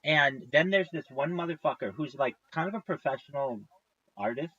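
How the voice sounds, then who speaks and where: A man's voice: fairly high pitch, moderate pace, pushed and bright, breathy edge, dry recording, dull audio. A man in his thirties, a livestreamer, tells a long story in a casual, profane, exasperated way. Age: 30s.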